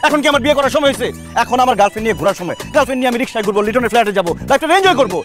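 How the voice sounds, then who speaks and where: A man's voice: very high voice, lively intonation, over music. A man playing a flustered reluctant groom. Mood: exasperated. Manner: exasperated, fast talking. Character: young man dodging marriage, flustered. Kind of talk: comic TV drama acting.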